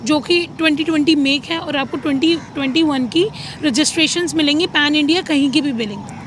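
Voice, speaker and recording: Very high-voiced woman selling cars. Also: fairly quick, slight background noise. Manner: mixes Hindi and English, lists details. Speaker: used luxury car dealer. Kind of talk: sales presentation in casual chat.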